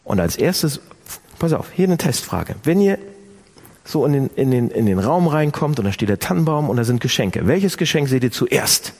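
A man preaching a sermon, speaking directly to his listeners with lively emphasis. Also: medium pitch, moderate pace, husky. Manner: animated, addresses listeners directly.

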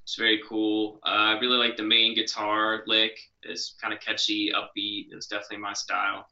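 A man's voice: lowish voice, completely flat delivery, brisk, bright, forceful tone. A man co-hosting a music show, giving an easygoing review of a song. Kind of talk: casual review chat. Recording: roomy far-off mic, lo-fi.

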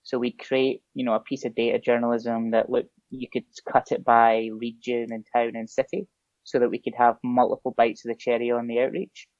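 A man with a Scottish accent talks casually as an SEO guest on a podcast, saying um a lot. He's brisk, with a flat, darkish medium-pitched delivery, captured without echo in dull, lo-fi podcast audio.

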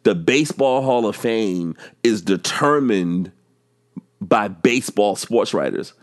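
An American man co-hosting a casual podcast, an animated, emphatic talker who repeats his phrases and swears freely. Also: on the low side, slow pace. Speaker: podcast co-host.

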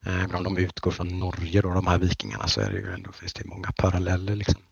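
A man's voice: deep voice, vocal fry, breathy edge, no room sound. A man from the Nordic countries chatting casually as a podcast host, rambling with many halts and restarts. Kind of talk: casual chat. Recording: dull lo-fi dry recording.

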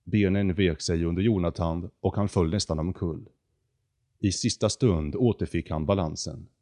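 Low-voiced calm male storyteller. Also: no echo, clean studio sound. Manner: calm, measured reading. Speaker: narrator. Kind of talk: scripted storybook narration.

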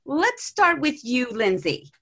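A woman hosting a podcast, reading guest introductions in a measured way and then asking questions. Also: sits high, sing-song, fairly bright tone, breathy edge. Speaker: podcast host.

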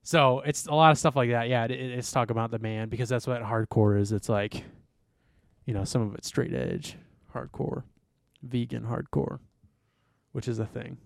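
Co-hosting a podcast, a young man chats casually, rambling with heaps of fillers and profanity. His mid-range voice has vocal fry and moves at normal speed, in studio-quality audio without echo. The delivery is animated and meandering, full of fillers and curse words.

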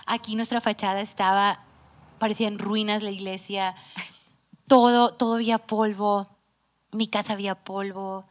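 A woman's voice: mid-range voice, little pitch movement, moderate pace. A woman, a church worship singer, tells a heartfelt personal testimony in casual talk among church staff, sometimes dropping to a near whisper. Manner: emotional storytelling, drops to near whisper at times.

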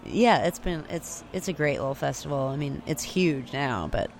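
Animated and low-pitched with a darkish tone, this young Austin, Texas, singer-songwriter chats at a moderate pace as an interview guest, full of "like," fillers, and restarts. She was recorded remotely on a handheld recorder with external mics, and slight background noise is present.

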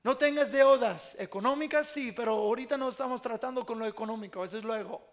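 A man's voice: very high voice, quick pace. A man preaching a sermon as pastor, earnest with playful asides, speaking Spanish with an American English accent.

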